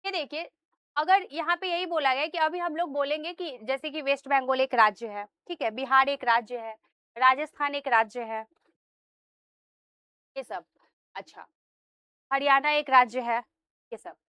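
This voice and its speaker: A woman's voice: high voice, normal speed, long pauses, bright, forceful tone, no echo. A woman teacher giving a classroom lecture, explaining step by step, asking the students questions and often checking in with them. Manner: asks students questions and answers them herself.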